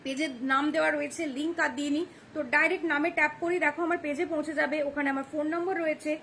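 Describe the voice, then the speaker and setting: Fast-talking high-voiced young woman. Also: fairly even intonation, creaky, a bit bright, slight background noise. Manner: fast, chatty, keeps checking "ঠিক আছে?". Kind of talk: live-stream sales pitch. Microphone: phone camera.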